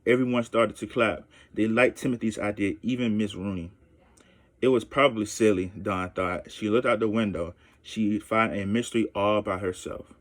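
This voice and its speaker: A man reading a children's chapter book aloud as a teacher, steady, with small self-corrections. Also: on the low side, normal speed.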